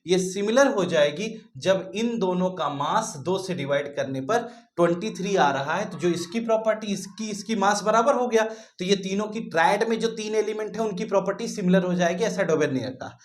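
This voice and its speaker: A man's voice: sits high, moderate pace, hardly any pauses. A man teaching a chemistry lesson, who calls his students "beta", asks questions and answers them himself, and repeats his key points. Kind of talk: classroom lecture.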